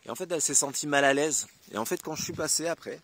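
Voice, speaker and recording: A man's voice: a little high, quick pace, fairly bright tone, a little hiss or hum. A man from France talking casually to camera in a loose, rambling way, full of fillers. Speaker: vlogger. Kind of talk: casual spiritual monologue to camera.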